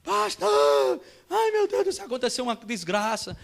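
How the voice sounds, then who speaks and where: A man's voice: high voice, fast, creaky. A man doing a frantic, wailing woman. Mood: panicked. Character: panicked woman calling her pastor.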